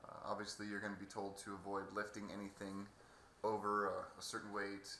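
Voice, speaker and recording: A man giving a halting, hesitant casual video update with a sore throat two days after surgery. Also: lowish voice, completely flat delivery, bright, forceful tone. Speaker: patient vlogger. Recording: echoey room, faint background noise.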